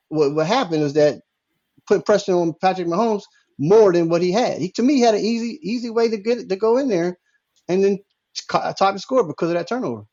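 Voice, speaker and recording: A man co-hosting a sports podcast, speaking haltingly with many restarts. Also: high-pitched, darkish tone. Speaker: podcast co-host. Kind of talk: casual sports talk. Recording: dull lo-fi audio.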